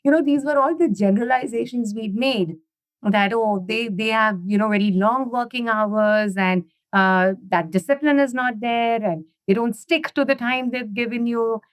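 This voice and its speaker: A woman's voice: a little high, moderate pace, dry recording. A middle-aged woman from India, chatting as a guest in an interview and leaning on "you know" and "right?". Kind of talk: casual interview conversation.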